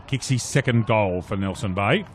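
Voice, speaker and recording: A man with an Australian accent giving live play-by-play of an Australian rules football match in short, clipped, animated phrases. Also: fairly low pitch, normal speed, slight background noise. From Australia, regional New South Wales. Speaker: sports commentator. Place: outdoor commentary box at a suburban football oval.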